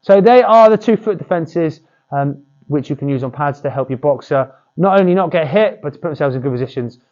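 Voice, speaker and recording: A man's voice: fairly high pitch, animated, fairly quick, a little mellow, lo-fi sound. A man coaching boxing pad work, demonstrating drills with short cues and encouragement.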